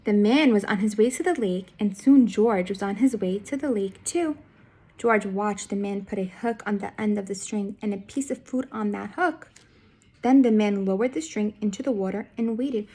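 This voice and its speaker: A woman with a mid-range, dark-toned voice and a breathy edge reads a picture book aloud to young children at a moderate pace. Like a teacher, she reads expressively and speaks directly to her young listeners, guiding them with questions.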